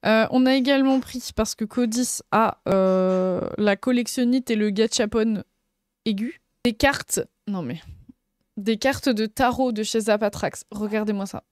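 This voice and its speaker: Excitable young woman streamer. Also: fairly high pitch, unhurried, no echo, clean studio sound. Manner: gushing, excitable, lots of fillers. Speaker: streamer showing convention purchases. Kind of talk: casual live stream chat.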